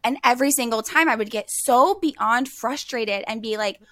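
Bright-voiced young woman telling stories. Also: a little high, normal speed, dry recording. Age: young adult. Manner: chatty, peppered with "like". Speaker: podcast guest. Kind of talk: casual podcast storytelling.

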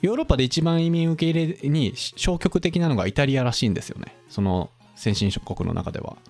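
A man's voice: a little high, a little fast, faint music behind. A man hosting a casual podcast, explaining topics to his co-host in a chatty, quizzing manner. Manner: lively, quizzes his co-host, drops into playful impressions.

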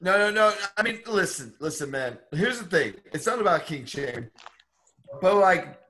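Bright, high-voiced young man. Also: normal speed. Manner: animated, laughing, says "man" a lot. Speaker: podcast co-host. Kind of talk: casual chat.

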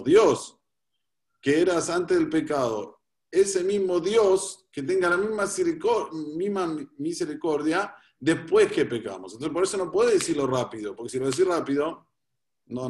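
A man's voice: a little high, darkish tone. Male rabbi teaching, patient and explanatory, repeats phrases for emphasis. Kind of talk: religious teaching in a talk.

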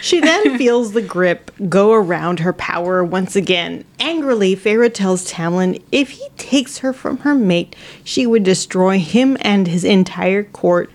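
A woman co-hosting a book podcast, reading a chapter summary slowly and breaking off into playful asides. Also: mid-range voice, lively intonation. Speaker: podcast co-host.

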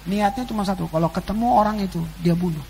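Animated preacher, loud then hushed. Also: male voice, sits high, quick pace, vocal fry, poor audio. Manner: animated, swinging between loud exclamations and quiet asides; addresses the congregation as "saudara". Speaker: pastor. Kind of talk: sermon. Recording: faint background noise and hum.

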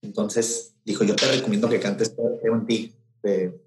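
A man's voice: fairly low pitch, level tone, measured pace, slight background noise. A man with a Mexican accent, an event promoter telling a story in a casual interview, rambling with many fillers and restarts. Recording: roomy echo.

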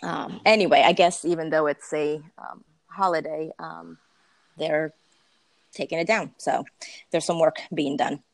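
A podcast host chats casually and bubbly with a woman's low, gravelly voice, keeping a steady tone and measured pace amid plenty of laughter and filler words. She's staying in Puerto Rico and talking over a remote call, and the audio has no echo.

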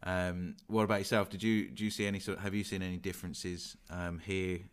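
A young man with a London accent talks in a deep, low register. He chats casually as a podcast co-host, thinking aloud and qualifying nearly every point with "sort of" and "you know". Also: little pitch movement, brisk, clear, resonant tone. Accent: London English. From England. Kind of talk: casual chat.

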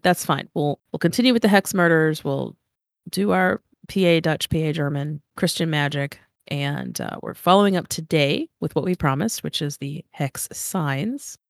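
A woman's voice: deep voice, expressive, moderate pace, gravelly, dry recording, studio quality. A congested woman hosting a podcast, chatting casually, swearing and laughing often. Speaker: podcast host. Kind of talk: casual chat.

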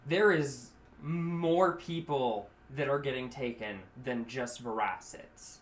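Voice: medium pitch, slow, a little hiss or hum. Young game master with filler-heavy narration.

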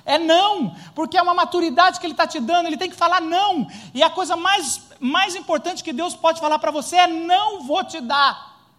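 A middle-aged Brazilian man preaching a sermon as pastor, animated and rhetorical, acting out quotes and family anecdotes. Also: very high voice, fairly quick, hardly any pauses. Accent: Brazilian Portuguese.

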